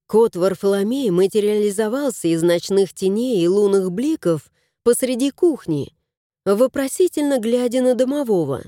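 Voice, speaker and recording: A woman reading a storybook aloud in a slow, expressive way. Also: fairly high pitch, no echo, studio quality. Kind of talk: scripted storybook narration.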